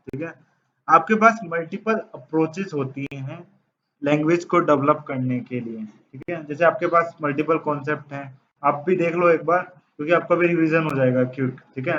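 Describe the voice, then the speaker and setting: A man's voice: fairly high pitch, fairly bright tone, a little hiss or hum. Man teaching code, dull lo-fi sound. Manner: repeats questions and answers them himself, mixing Hindi and English. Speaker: programming teacher. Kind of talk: classroom lecture.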